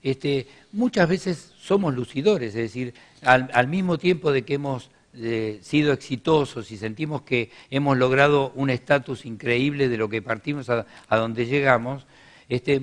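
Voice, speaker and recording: Man, workshop speaker, mid pitch, measured, hesitant. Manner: measured explaining, frequent "este" fillers. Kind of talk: business workshop talk.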